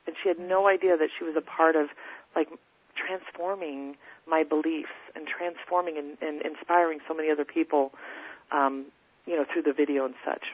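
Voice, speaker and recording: A woman guest telling her personal story earnestly, in a halting way with many restarts and fillers. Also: low-pitched, steady tone, no echo. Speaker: podcast guest. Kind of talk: casual storytelling. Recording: dry tinny phone-line audio.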